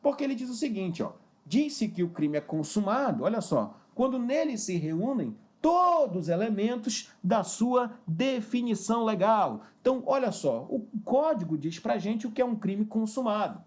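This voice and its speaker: In a high-sitting voice, a male instructor teaches a law lesson on video, keeping it lively and engaging. Key terms get stretched out slowly, and he constantly checks that the viewer is following.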